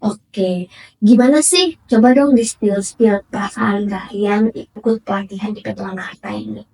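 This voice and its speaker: A woman's voice: medium pitch, a little slow, vocal fry, a little mellow, distant mic, a little hiss or hum, low-quality recording. A woman hosting a casual interview, chatty and upbeat with frequent fillers. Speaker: host.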